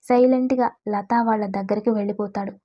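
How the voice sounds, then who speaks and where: A woman narrating a romance story in a steady, even reading. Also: mid-range voice, a little fast. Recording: dull lo-fi recording.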